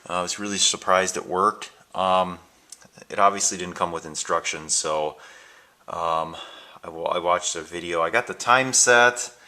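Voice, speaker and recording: An American man with a low, pushed, bright voice talks at a moderate pace while giving an unscripted show-and-tell of his gadgets, thinking aloud hesitantly. He is an amateur video maker filming indoors at home and in a workshop, and the home video is noisy with handling clicks.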